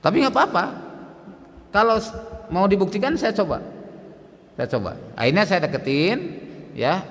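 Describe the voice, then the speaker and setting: Animated preacher in an echoing mosque. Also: male voice, high voice, normal speed. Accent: Indonesian. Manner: dramatic storytelling, acting out dialogue. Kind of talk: mosque sermon story. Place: mosque hall. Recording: long hall reverb in mosque.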